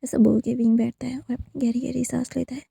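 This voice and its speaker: A woman's voice: high voice, level tone, fast talker, vocal fry, mellow, slightly rough, no room sound, clean studio sound. A woman casually retelling a fan fiction story, rambling with many fillers and repeated narrator tags.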